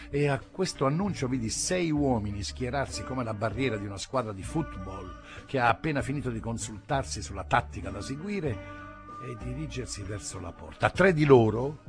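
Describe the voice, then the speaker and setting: A male narrator reads a literary short story with dramatic expression. His voice sits low but swings widely, with a faint music bed beneath. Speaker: audiobook reader.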